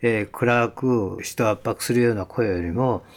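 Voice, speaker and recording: Gravelly-voiced man explaining breathing. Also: on the low side. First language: Japanese. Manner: measured, explains step by step. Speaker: voice expert guest.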